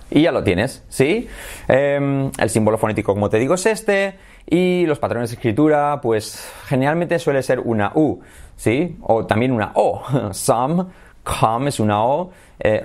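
A man's voice: mid-range voice, darkish tone. Spanish-speaking man teaching English sounds. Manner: models English words slowly, stretching vowels; checks in with frequent ¿vale? and ¿sí?. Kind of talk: video lesson.

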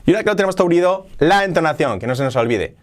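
Lively Spanish man teaching English. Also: a little high, rapid-fire. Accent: Spain Spanish. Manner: lively, drills phrases over and over. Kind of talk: online English pronunciation lesson.

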